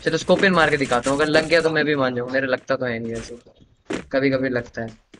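A man's voice: medium pitch, level tone, fast, background noise. A young man livestreaming a shooter game, chatting and joking with teammates, switching between casual talk and English slang. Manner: joking, teasing banter with teammates, mixing in English phrases. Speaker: livestreaming gamer. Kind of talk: casual live gameplay commentary. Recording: game gunfire loud under voice. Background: game gunshots and machine-gun fire.

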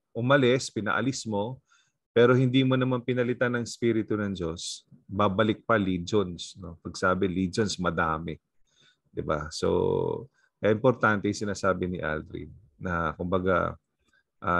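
A man's voice: low voice, gravelly, fairly bright tone, no echo. A man with a Filipino accent, a pastor leading an online prayer meeting, talking conversationally with many fillers and tag questions. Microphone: video call.

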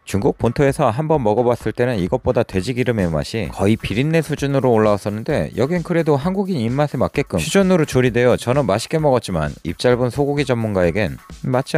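A man's voice: mid-range voice, darkish tone. A young adult man narrating a restaurant food review in an upbeat, descriptive way.

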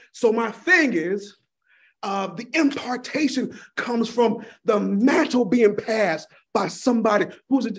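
A man preaching a fervent sermon, often crying out to God and calling the congregation "honey". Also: very high-pitched.

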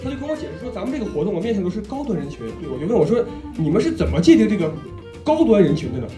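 High-pitched man doing stand-up comedy. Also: very animated, rapid-fire, mellow. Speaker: stand-up comedian, club owner. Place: small indoor comedy club stage. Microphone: handheld or stand stage microphone. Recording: roomy club sound with music behind.

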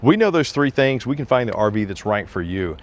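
Very animated and brisk, a man in his forties with a lowish voice presents an RV outdoors on a sales lot. He talks into a lapel mic in a relaxed, upbeat salesman style, giving a walkaround product review.

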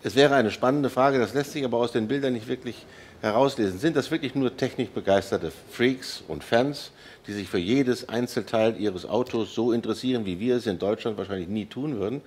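A man, a professor and expert guest, explaining things in a measured way in a studio discussion on a headset mic. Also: mid-range voice, a little hiss or hum.

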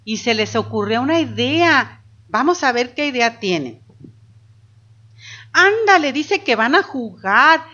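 A woman's voice: on the high side, lively intonation, measured pace, bright, forceful tone, dull audio. A woman teacher giving a children's phonics lesson, patiently sounding out letters and syllables one by one.

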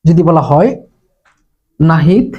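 A man from Bangladesh teaching an exam-prep language lesson, speaking slowly and repeating words syllable by syllable. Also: fairly high pitch, animated, slightly rough. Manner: slow, repetitive, breaks words into syllables. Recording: dull lo-fi recording.

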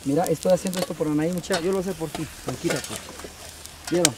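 A man's voice: fairly high pitch, quick pace. A young man with a Guatemalan accent, teasing friends and chatting to viewers while cooking outdoors. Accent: Guatemalan Spanish. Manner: teasing, playful, talks to viewers. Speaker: vlogger cooking at a tamale contest. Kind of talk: casual joking banter. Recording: loud frying and sizzling noise.

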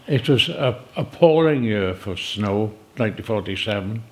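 A man's voice: lowish voice, expressive, normal speed, a little hiss or hum. An older man recounting past events vividly in an interview. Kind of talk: storytelling interview.

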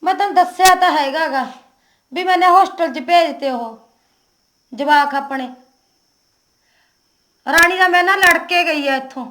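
A woman playing a sharp-tongued, quarrelsome village wife in a homemade comedy drama. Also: very high-pitched, unhurried, pauses often. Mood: complaining.

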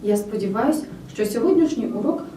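A woman giving a scripted grammar lesson, speaking clearly and with emphasis straight to the student. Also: a little high, animated, brisk, mellow. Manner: clear, emphatic teacher's delivery addressing the student directly. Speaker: language teacher. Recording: roomy, slightly distant with faint noise.

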